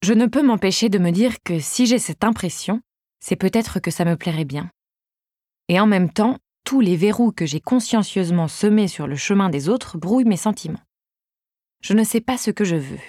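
A woman's voice: medium pitch, lively intonation, normal speed, dark tone, no echo. A woman narrating a novel in the first person, wry and conversational, on a close microphone. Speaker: audiobook narrator.

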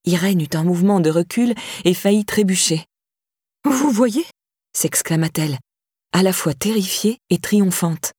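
A woman narrates an audiobook in calm, measured storytelling. Her voice is low and mellow. The recording is dry and close. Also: slightly rough, no echo. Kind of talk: scripted narration.

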